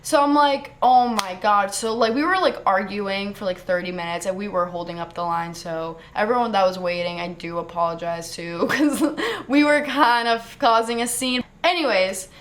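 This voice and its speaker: A young woman in her twenties tells a travel mishap story to her vlog audience. She talks in a loose, chatty way, peppering every sentence with "like". She acts out what other people said to her as she goes. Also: medium pitch. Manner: chatty, heavy use of "like", animated quoting of others. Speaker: travel vlogger.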